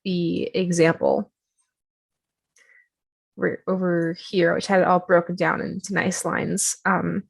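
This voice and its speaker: A woman casually walking viewers through a software tutorial on her screen, chatty and self-deprecating, with many fillers. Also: fairly low pitch, level tone, slow pace, creaky, long pauses, breathy edge.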